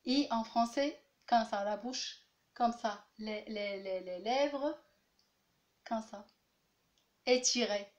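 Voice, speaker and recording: A woman's voice: a little high, slow, long pauses. A woman teacher giving a lesson, patiently repeating each letter and point many times. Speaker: language teacher. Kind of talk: classroom-style lesson.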